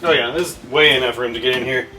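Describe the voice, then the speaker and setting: A man's voice: medium pitch, fast, recorded from a distance, over music. A man bantering playfully in a shop while detailing a car, cracking teasing jokes. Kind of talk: joking casual banter. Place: machine shop.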